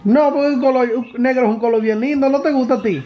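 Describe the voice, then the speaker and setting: A man's voice: very high-pitched, rapid-fire, dull audio. A man in casual conversation. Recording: music over conversation.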